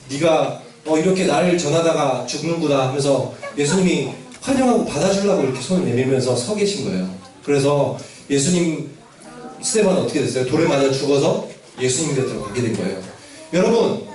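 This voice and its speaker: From far off in a very echoey room, a man with a high, slightly mellow voice teaches Sunday school. He tells the children a Bible story, acting out the characters' lines and asking them questions along the way.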